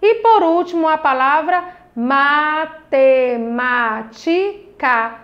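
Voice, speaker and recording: A woman's voice: high-pitched, expressive, measured pace, lo-fi sound. A young Brazilian woman teaching a recorded lesson to children, patient and encouraging, drawing out each syllable of words. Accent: Brazilian Portuguese. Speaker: primary school teacher.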